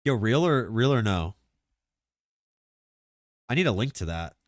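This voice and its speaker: Excitable streamer man, lively pitch. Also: measured pace, no echo, studio quality. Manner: excitable, rambling, heavy on "like" fillers. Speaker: game streamer. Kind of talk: casual live-stream chat about game mechanics.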